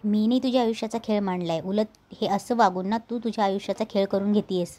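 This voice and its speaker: A woman's voice: medium pitch, fast talker, mellow, close to an everyday voice. A woman voicing a torn young man in love, scolding and pleading urgently in a serial recap.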